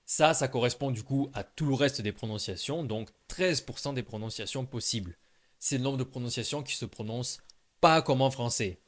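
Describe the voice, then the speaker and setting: A man's voice: medium pitch, normal speed. A man giving a casual video lesson on pronunciation, speaking directly and informally to the viewer and demonstrating sounds aloud. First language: French. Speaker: Chinese language teacher.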